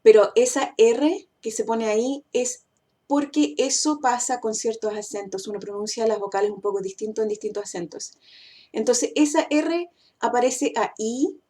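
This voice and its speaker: Bright-voiced woman teaching pronunciation. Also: on the high side. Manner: slows down and stretches English example words; relaxed, with thinking fillers. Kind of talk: casual explanatory lesson.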